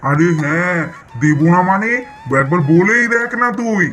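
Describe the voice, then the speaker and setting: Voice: medium pitch, lively intonation, moderate pace, a bit bright, close to an everyday voice. Brief: cheerful, doting cartoon uncle, played by a performer, coaxing and promising; faint music behind him.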